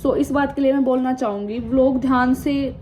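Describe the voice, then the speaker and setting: A woman's voice: sits high, fairly even intonation, normal speed, a little mellow. A woman in her twenties chatting casually in a vlog, reading viewer comments aloud and frankly answering back, mixing English words into her talk. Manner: mixes Hindi with English words and phrases. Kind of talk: casual chat. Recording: dull, slightly muffled sound with faint background noise.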